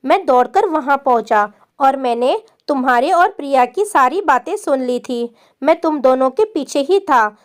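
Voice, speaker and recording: A woman's voice: sits high, animated, normal speed. A woman voicing a grateful older father. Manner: heartfelt, grateful.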